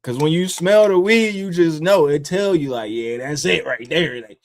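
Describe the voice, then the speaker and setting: A man who was born in upstate New York and raised in the DC area, hosting a casual livestream talk. He is loose and profane, and he mocks other people in high squealing voices. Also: normal speed. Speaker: livestream host. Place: home in Columbus, Ohio.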